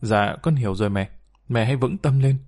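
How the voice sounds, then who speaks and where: A man's voice: mid-range voice, fairly quick, a little mellow, lightly acted. A man voicing a poor young waitress who speaks politely and pleads anxiously. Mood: soothing. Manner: polite, pleading, respectful particles.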